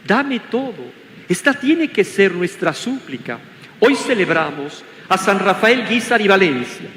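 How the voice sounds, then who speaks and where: A man's voice: high-pitched, slight background noise. An older man with a Mexican Spanish accent preaching a sermon as bishop, asking rhetorical questions and leading the congregation in call-and-response. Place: large cathedral. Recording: echoey cathedral with long reverb.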